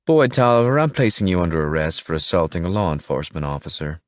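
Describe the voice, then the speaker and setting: A man's voice: low-pitched, sing-song, fast, no echo, studio quality. A man voicing a tough, scheming woman county sheriff who speaks in a cold, commanding way.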